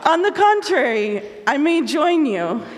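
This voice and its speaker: Woman reading as a playful young girl in a storybook, bit high, musical, echoey hall. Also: big pitch swings, normal speed, background noise. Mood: teasing.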